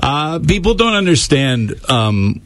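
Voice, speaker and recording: A man hosting a radio show in casual on-air chat, halting and often repeating his phrases. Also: a little high, very animated, a bit bright, no echo. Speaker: radio morning show host.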